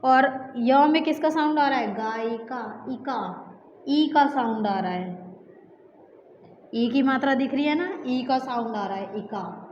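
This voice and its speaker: A woman's voice: high-pitched, a little slow, darkish tone. A woman teaching a grammar lesson for exam preparation, talking patiently and repeating each example, often checking in with her students. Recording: echoey room, dull sound, faint hiss.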